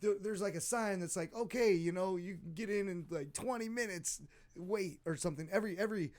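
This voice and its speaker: A man with a high voice co-hosts a casual livestream chat, spinning animated stories and laughing through them. He comes from Michigan and talks with a lively, friendly energy. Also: brisk. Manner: animated storyteller, laughing mid-sentence. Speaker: co-host.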